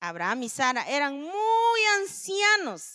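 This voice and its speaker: A woman preacher giving a sermon at a church vigil, animated and speaking directly to the congregation. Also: high voice, unhurried. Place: church service.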